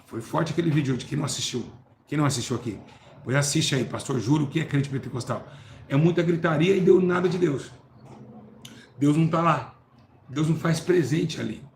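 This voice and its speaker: A man delivers a fervent sermon in a fairly high voice, punching some phrases loudly and dropping others to a low murmur. He keeps questioning the people in front of him. The room rings with echo, with a faint hum of ambience behind. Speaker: preacher.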